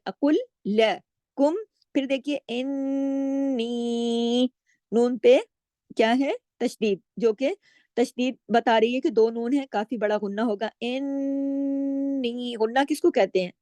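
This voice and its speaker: A woman teaching Quran recitation rules, reciting slowly and drawn out, then explaining step by step and asking her students questions. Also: a little high, dark tone, no echo. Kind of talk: tajweed lesson with slow recitation.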